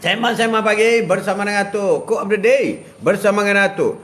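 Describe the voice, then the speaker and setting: Older man, live stream host, animated and laughing, slightly high voice, faint outdoor ambience. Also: fairly quick, noisy background. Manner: animated, laughing, reads viewer comments aloud. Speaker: live stream host giving daily advice. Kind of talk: casual live chat with religious advice. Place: outdoors beside a plantation.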